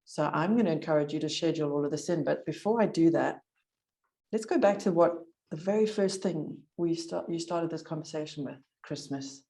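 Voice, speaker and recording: A woman with a low, mellow voice coaches a client in an encouraging, direct way. Her delivery is measured and unhurried, and a slight tremble from the cold runs through it. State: voice shaking from cold. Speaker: recovery coach. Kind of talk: coaching call.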